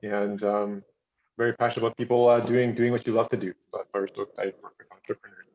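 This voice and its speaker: Guy presenting on a choppy call, breaking-up connection, dull lo-fi sound w/ clicks, lowish voice. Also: level tone, fast talker, a little mellow, a little hiss or hum. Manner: hesitant, many fillers. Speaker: webinar presenter. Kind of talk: casual presentation. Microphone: earbuds on a video call.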